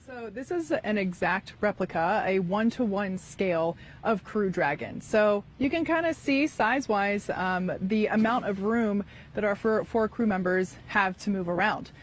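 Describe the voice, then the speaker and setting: A woman with a medium-pitched voice gives live broadcast commentary. She explains in a conversational way over faint ambient noise. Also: a little slow.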